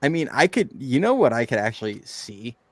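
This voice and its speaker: A man co-hosting a sports podcast in casual chat, quick with jokes and laughter. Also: medium pitch, sing-song, no echo. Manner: laughs often, quick joking asides. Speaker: podcast co-host.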